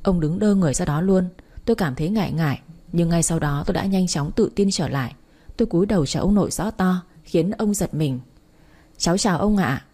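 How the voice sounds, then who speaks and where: A woman reading a romance story aloud in the first person, steady and even. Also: on the low side, a little fast, breathy edge. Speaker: story narrator. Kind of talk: first-person audiobook narration.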